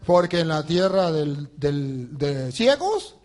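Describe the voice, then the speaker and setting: A man's voice: on the high side, slow. A male priest preaching a sermon, telling a humorous story with laughter and imitating the people in it. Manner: animated, laughing, mimics others in anecdotes.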